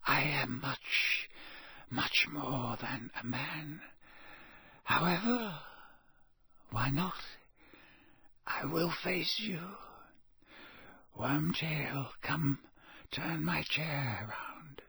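A man voicing a cold, menacing, inhuman dark lord in an audiobook, with a breathy hissing voice and slow, imperious delivery. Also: sits high, very animated, dry recording, pitched above the performer's own voice, full character voice. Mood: quiet, sinister. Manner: slow, drawn-out, coolly imperious. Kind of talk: audiobook character voice.

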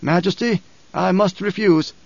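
A man voicing a secretive male count who speaks with deliberate lack of emphasis. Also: sits high, vocal fry, no room sound, pitched above the performer's own voice, heavily acted. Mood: restrained. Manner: deliberately flat, unemphatic. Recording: dull, dry studio recording.

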